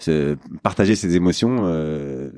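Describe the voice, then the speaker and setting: A man's voice: sits low, animated, a little slow, darkish tone. A man hosting a podcast interview, talking casually with many fillers and restarts. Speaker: podcast host.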